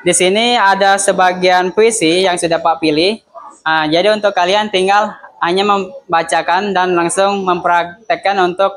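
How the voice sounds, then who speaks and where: A man's voice: high voice, fairly bright tone. A male teacher giving a classroom lesson, explaining step by step and checking in with the students often. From Indonesia.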